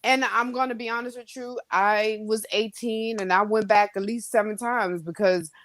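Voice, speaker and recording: A woman's voice: medium pitch, steady tone, moderate pace, no room sound. A woman podcast host asking probing, supportive follow-up questions and sharing her own experience.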